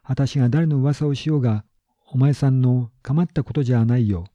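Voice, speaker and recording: A man reading the lines of a lively, sharp-tongued young woman in a story, with brisk, pert delivery. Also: mid-range voice, dry recording, close to an everyday voice. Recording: dull lo-fi recording.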